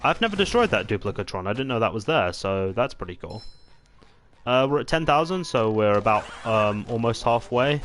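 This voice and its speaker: A man chatting casually as he commentates his gameplay, rambling with many pauses and restarts. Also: mid-range voice, very animated, fairly bright tone, soft background music. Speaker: gaming channel host. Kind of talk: let's-play gameplay commentary.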